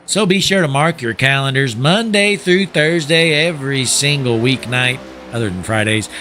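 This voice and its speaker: A man's voice: medium pitch, normal speed, bright, forceful tone, faint music behind. A young man giving folksy play-by-play commentary on a sim race, joking and calling to "folks", while losing his voice.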